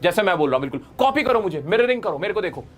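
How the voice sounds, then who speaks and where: Animated Indian man teaching English. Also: high-pitched, rapid-fire, faint music behind. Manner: animated, playful, demonstrates phrases in exaggerated tones. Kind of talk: spoken English lesson.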